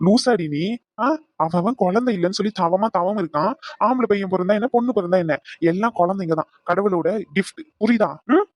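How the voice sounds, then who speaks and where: A woman's voice: medium pitch, a little fast, darkish tone, dry recording, close to an everyday voice. A woman voicing a playful, affectionate young husband in a cartoon, teasing his pregnant wife with fond scolding. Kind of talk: cartoon voice acting.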